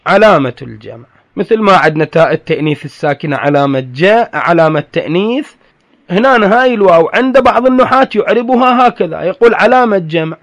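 High-voiced grammar teacher. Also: male voice, lively intonation, fast talker, a bit bright. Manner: explains patiently, repeats key terms, addresses students directly. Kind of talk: classroom lecture on grammar.

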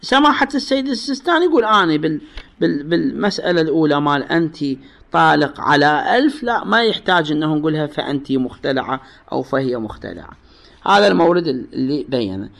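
An Iraqi man teaching religious law in a lecture. His voice is a little high for a man, with a gravelly, fry-laden edge. He explains patiently, says the key phrases twice and keeps asking his students questions. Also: expressive, quick pace, a bit bright. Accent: Iraqi Arabic. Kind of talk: classroom lecture on jurisprudence.

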